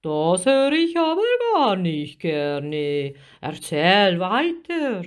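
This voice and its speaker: Woman voicing a giant male storybook octopus, deep and booming, slow and kindly, quick to take offense, drawls every word. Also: very animated, exaggerated voice. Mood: curious. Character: huge friendly male red octopus.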